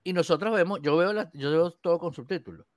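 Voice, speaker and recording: A man's voice: a little high, brisk, no room sound, studio quality. A Latin American man chatting casually on a podcast, rambling with many restarts. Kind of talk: casual chat.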